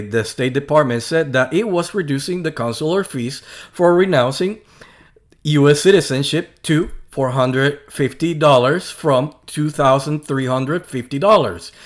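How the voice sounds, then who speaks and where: A Puerto Rican man with a fairly high voice hosts a video, delivering a casual monologue to camera. He speaks slowly and haltingly, with many fillers and restarts, dropping sarcastic asides.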